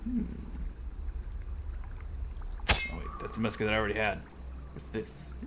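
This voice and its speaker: A man doing casual video game commentary, excitable and jokey, yelling at enemies as he plays. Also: fairly low pitch, unhurried, background noise. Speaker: let's play host.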